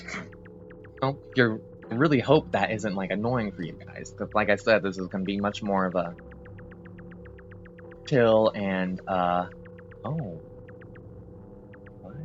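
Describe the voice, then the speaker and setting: Playing a video game on camera, a man rambles casually and apologetically, full of fillers and false starts. His voice is on the low side and slow with long pauses, and the audio has its highs cut off, with soft music playing.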